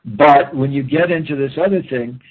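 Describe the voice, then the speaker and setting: A man's voice: mid-range voice, moderate pace. A man talking earnestly in a rambling interview, often restarting his sentences. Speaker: guest. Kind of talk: conversational interview talk. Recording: phone-line audio, husky.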